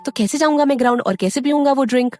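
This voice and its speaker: A woman's voice: high-pitched, racing, a little mellow, no echo, clean studio sound, soft background music, pitched above the performer's own voice, lightly acted. A woman voicing a cocky young college guy. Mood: teasing. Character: young male college sports star, cocky.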